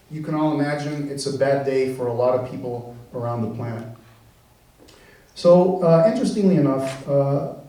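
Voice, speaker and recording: A man giving a conversational science lecture, easygoing and full of "uh" and "you know." His voice is mellow and dark. He was recorded from a distance in a large hall that rings with echo. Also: mid-range voice. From born in the US, raised in Venezuela. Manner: relaxed, conversational, many fillers and restarts. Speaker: engineering professor giving a talk. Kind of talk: public science talk. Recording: very echoey room, mic far off.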